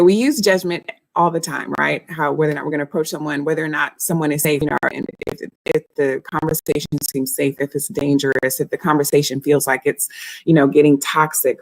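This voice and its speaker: A woman talks informally to her live stream audience, working through her points aloud. The voice is a bit low for a woman, with noticeable fry and a conversational delivery. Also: no room sound, poor audio. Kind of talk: casual informal explaining to live viewers.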